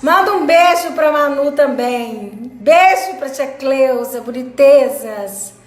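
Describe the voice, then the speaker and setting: A woman's voice: high-pitched, expressive, takes it slowly. A Brazilian woman hosting a casual live stream, greeting viewers by name and chatting in a home craft studio. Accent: Brazilian Portuguese. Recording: roomy studio with background music.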